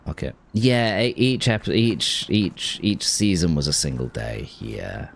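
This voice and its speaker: A man's voice: deep voice, very animated, a little slow, creaky, slight background noise. A man chatting casually while streaming a game, rambling and restarting his sentences. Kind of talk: casual gameplay chat with chat.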